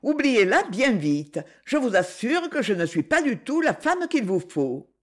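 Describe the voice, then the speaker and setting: A woman voicing a proud, gently firm young lady. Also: fairly high pitch, sing-song, unhurried, pitched above the performer's own voice. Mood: surprised, troubled. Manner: gentle but firm, reproachful.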